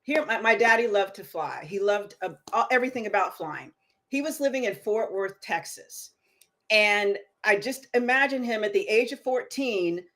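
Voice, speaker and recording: A middle-aged woman, a guest on an interview show, telling stories with a lively voice that rises as she gets excited. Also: mid-range voice, normal speed. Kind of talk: storytelling interview.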